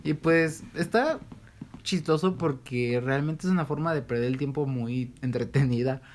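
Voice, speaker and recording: A man's voice: mid-range voice, normal speed, slight background noise. Young mexican guy telling stories on a podcast, medium voice, laughs through it. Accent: Mexican Spanish. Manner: storytelling, laughs while recounting. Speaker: podcast co-host. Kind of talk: casual chat, telling anecdotes.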